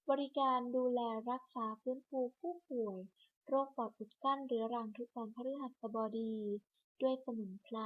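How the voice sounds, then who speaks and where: A woman reading a scripted hospital clinic announcement over a public address system, in a measured, list-by-list delivery. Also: on the high side. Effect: broadcast over a hospital public address system. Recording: muffled lo-fi loudspeaker broadcast.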